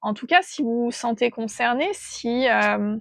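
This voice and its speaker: A woman giving an intuitive tarot reading, thinking aloud in a gentle, hesitant way as she feels out the cards. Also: a little high, measured pace, creaky, dry recording. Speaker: tarot reader.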